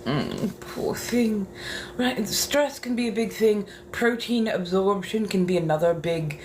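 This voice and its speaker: With a mid-range voice at a measured pace, a woman livestreams casually from a bathroom as she gets ready. She's theatrical and flirtatious, calling her audience darling, over clear background noise.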